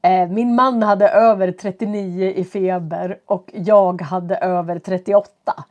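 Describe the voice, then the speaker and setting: A woman with a stuffy nose and a cough, teaching from home and talking slowly and clearly for learners as she greets viewers on a live stream. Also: mid-range voice, fairly even intonation, darkish tone, dull audio. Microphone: computer setup.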